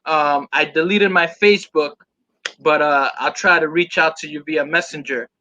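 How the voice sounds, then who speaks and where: Man hosting a live stream, bright voice, fairly high pitch, loose and joking. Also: fairly even intonation, moderate pace, highs cut off. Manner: loose and joking, reading out chat comments. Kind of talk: casual live-stream chat.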